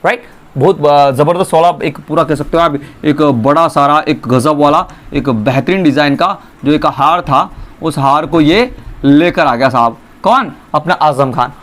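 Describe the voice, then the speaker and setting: A male teacher explaining a story to his class, animated, asking and answering his own questions. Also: a little high, a little slow.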